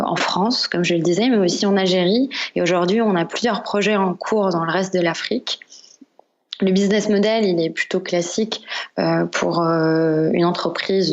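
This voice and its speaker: A woman's voice: fairly low pitch, creaky, dull audio. A woman from Algeria, a guest entrepreneur in a podcast interview, explaining her work with many hesitations.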